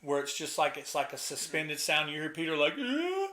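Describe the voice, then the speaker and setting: A man's voice: on the high side, little pitch movement, fairly quick, noisy background. A middle-aged man hosting a casual album review chat, talking enthusiastically and humming riffs and sounds to illustrate the music.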